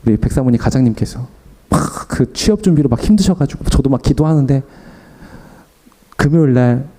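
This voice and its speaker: A man's voice: mid-range voice, fairly quick. A young man preaching an afternoon sermon, telling a personal story and acting out what people said. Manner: animated, acts out his own and others' lines.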